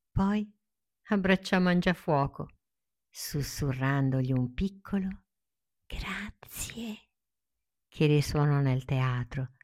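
A woman narrating a children's fairy tale in a slow, gentle storytelling manner. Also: low-pitched.

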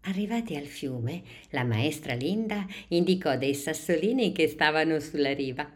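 A woman narrating a children's story in a calm, measured reading voice. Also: deep voice.

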